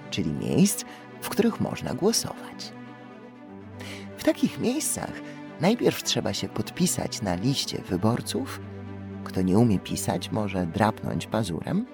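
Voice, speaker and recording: Casting: a male children's audiobook narrator, expressive, animated pitch, gravelly. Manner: expressive, storytelling, unhurried.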